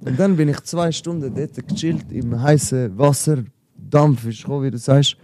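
A young man with a Swiss German accent tells a story in loose, slangy chat, calling his friend bro again and again. His voice is very dark and mellow. It sits dry and close on the mic. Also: mid-range voice, moderate pace, dry recording. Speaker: podcast guest, rapper. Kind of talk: casual chat.

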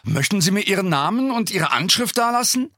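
A man voicing a stocky teenage boy who plays dumb, with a nasal, slow, vacant way of talking, in an audiobook reading. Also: high voice, animated, bright, forceful tone, no echo, studio quality, voice pushed up, full character voice. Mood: feigned dumb. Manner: slow, vacant, dim-witted act.

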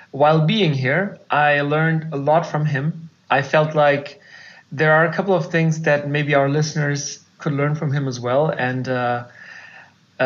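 A man co-hosting a podcast who introduces a guest in a hesitant way, with fillers, heard over an online call. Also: fairly high pitch. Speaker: podcast co-host. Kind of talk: casual interview. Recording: dull lo-fi call audio.

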